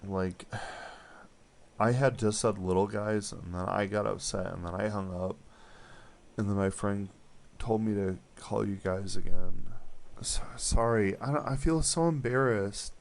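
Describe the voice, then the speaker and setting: Rambling flustered prank caller, gravelly. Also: male voice, lowish voice, unhurried. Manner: rambling, flustered, apologetic, mumbling. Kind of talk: prank phone call.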